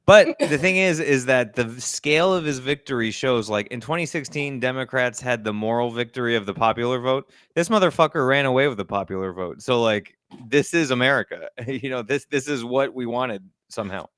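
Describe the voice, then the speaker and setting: A man co-hosting a casual comedy talk show, wry and quick with asides, often laughing. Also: medium pitch, a bit bright, smooth, dry recording, clean studio sound. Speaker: comedy podcast co-host. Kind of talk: casual chat.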